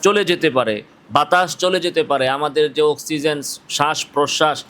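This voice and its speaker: A man's voice: fairly high pitch, fairly quick, a bit bright. A man with a Bangladeshi Bengali accent teaching a class on how to pronounce Quranic letters. He asks the students questions, answers them himself and demonstrates each sound aloud. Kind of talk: classroom tajweed lesson.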